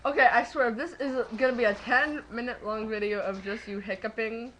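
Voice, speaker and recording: A young woman chatting with friends at home on a webcam, giggling and laughing loudly between lines. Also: on the high side, fairly even intonation, moderate pace, slight background noise, rough recording. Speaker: video maker. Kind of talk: casual chat among friends.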